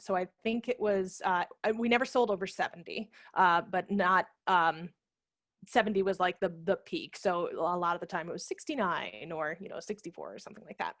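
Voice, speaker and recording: A woman in her thirties, a theatre managing director, joins a video call as a guest speaker from a room at home and explains things informally through a headset microphone. Her mid-range voice is fairly bright and moves at a normal speed. The sound is studio quality with no echo.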